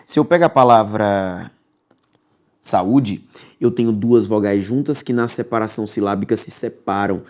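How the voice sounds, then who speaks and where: Speaking at a moderate pace in a fairly low voice, a Brazilian-accented man runs an exam-prep grammar lesson. He keeps things lively and coaxing, repeating key words and checking in with "beleza?"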